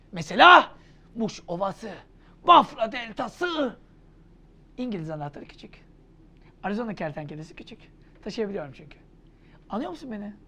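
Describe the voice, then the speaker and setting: A woman teaching an exam-prep lesson in a theatrical, comedic way, often shouting and mixing mock insults with endearments. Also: mid-range voice.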